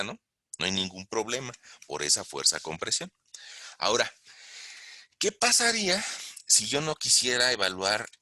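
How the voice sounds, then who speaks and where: A man with a fairly low, pushed and bright voice teaches a recorded online engineering lesson, explaining step by step and putting questions to the class. He is an engineering lecturer recorded on a close mic as he writes on a tablet, with no echo.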